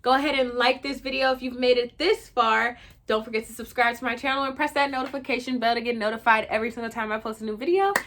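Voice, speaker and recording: A young woman tells a story straight to camera as a vlogger, casual, frank and profane. Her voice is bright and slightly high, and her delivery is animated. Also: fast talker.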